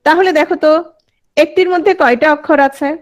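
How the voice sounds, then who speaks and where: High-voiced woman teaching an online class. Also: a little fast. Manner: asks students questions and repeats answers.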